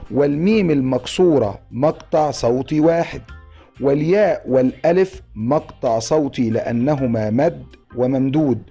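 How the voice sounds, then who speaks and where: A man with an Egyptian Arabic accent giving an online grammar lesson, explaining step by step and spelling out syllables slowly. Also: mid-range voice, gravelly, mellow, roomy sound.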